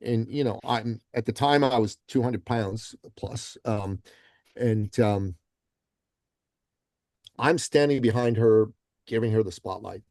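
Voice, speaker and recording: A man guest on a podcast, telling a story in a casual, animated way and acting out the quotes, with many ums and you-knows. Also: fairly low pitch, takes it slowly, pauses often, dry recording, clean studio sound. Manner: frequent fillers like um and you know.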